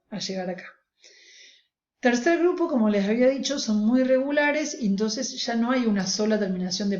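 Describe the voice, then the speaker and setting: A woman's voice: mid-range voice, a little mellow. A woman teacher giving a recorded grammar lecture, explaining step by step and often checking in with her students. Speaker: language teacher. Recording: roomy, dull lo-fi recording.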